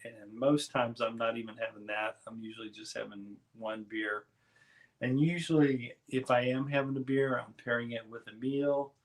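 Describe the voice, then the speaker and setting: Relaxed rambling man hosting a live stream. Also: medium pitch, normal speed. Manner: relaxed, rambling, reads chat aloud. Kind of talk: casual live stream chat.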